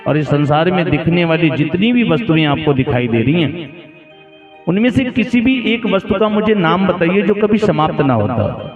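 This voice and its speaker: A man's voice: on the high side, sing-song, normal speed. A man giving a devotional sermon, storytelling and asking the audience rhetorical questions. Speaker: katha preacher. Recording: echoey hall, phone-like lo-fi sound with music. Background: instrumental music.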